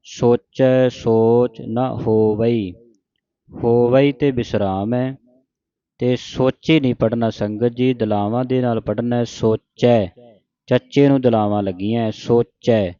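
A man with a Punjabi accent teaching correct pronunciation of scripture, reciting verses slowly and then correcting each word. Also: mid-range voice, steady tone, dark tone, clean tone, no room sound, lo-fi sound. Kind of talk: slow recitation lesson.

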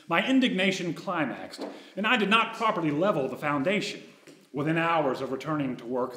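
A man in his thirties reading a true personal story aloud on a dark theater stage, wry and ironic. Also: on the high side, echoey room.

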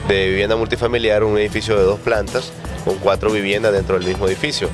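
A housing association official answers a reporter's questions. He is hesitant and often restarts, and his voice sits somewhat low. Clear background music plays. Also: level tone, fast. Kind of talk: interview answers.

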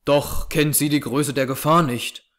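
A man's voice: a little high, steady tone, measured pace, fairly bright tone. A man reading aloud, voicing a frightened older farmer and father who speaks anxiously. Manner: anxious and breathless. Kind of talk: audiobook character reading.

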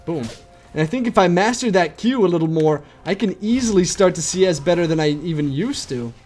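Excitable high-voiced young gamer man. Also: fairly quick, soft background music. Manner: excitable, shouts and whoops at big plays; talks to his viewers as boys and dudes. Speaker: gameplay commentator. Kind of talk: casual gameplay commentary.

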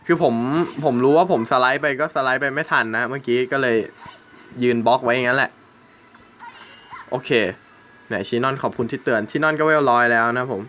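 A man's voice: mid-range voice, fairly even intonation, a little fast, a bit bright, slight background noise. A young man hosting his gaming channel, chatting casually through gameplay and swearing and exclaiming at the game.

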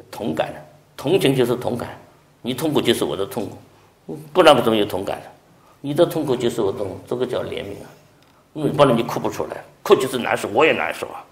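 A male pastor preaching a revival sermon, swinging from loud emphatic peaks down to soft, hushed asides. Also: mid-range voice, vocal fry, reverberant. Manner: animated preaching, rising loud then dropping to soft near-whispers.

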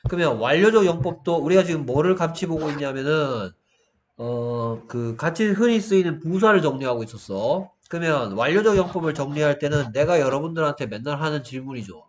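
A male English teacher giving an online grammar lesson, his voice a little strained from shouting, who breaks into exaggerated student exchanges. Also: fairly high pitch, a little fast, a little hiss or hum. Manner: animated, acts out student exchanges in a raised voice.

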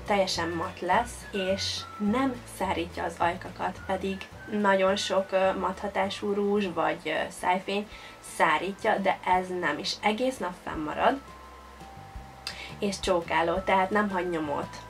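A young woman, a beauty vlogger, talking viewers through a makeup tutorial in a friendly, instructive way, filmed close in a small bright room. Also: medium pitch. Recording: clear background music. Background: background music.

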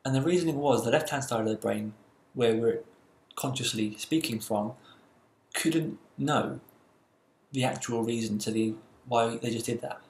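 Man lecturing in an echoey room. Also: mid-range voice. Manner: explanatory, measured, with some fillers. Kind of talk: recorded university lecture.

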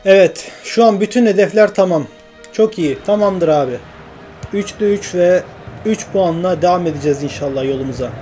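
A man narrates his football video game career into a desk mic, cheering and complaining at every chance. His voice sits high for a man. Game music plays clearly behind him. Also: moderate pace. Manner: excitable, swears and grumbles at the game, commentates his own play. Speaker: gaming YouTuber.

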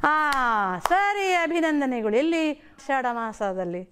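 A woman's voice: high voice, sing-song, takes it slowly, fairly bright tone, a little hiss or hum. A middle-aged woman teaching a primary school lesson on television, asking the children questions and explaining words in a sing-song storytelling way.

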